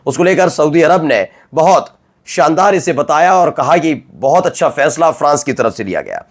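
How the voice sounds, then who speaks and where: A man anchoring a news roundup, his voice sitting a little high for a man. He talks to viewers directly and emphatically, often asking rhetorical questions before answering them. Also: animated, moderate pace. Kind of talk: conversational news presenting.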